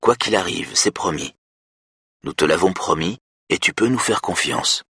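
A man with a husky voice, playing a calm, self-assured hypnotist who speaks low and soothingly. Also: unhurried, no room sound, clean studio sound, full character voice.

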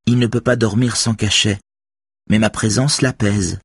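A soft, hesitant teenage girl confides in low tones, her voice sitting higher than the reader's own, as a man acts her out. The sound is husky and close, with almost no room around it. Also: steady tone, moderate pace, no room sound. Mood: confiding. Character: teenage girl, quiet and earnest.

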